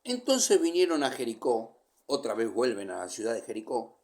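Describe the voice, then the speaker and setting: A man delivers a sermon with animated pitch that climbs high and sinks low. He reads scripture aloud and explains it verse by verse. His voice swings between loud calls and near whispers. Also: moderate pace. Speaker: preacher.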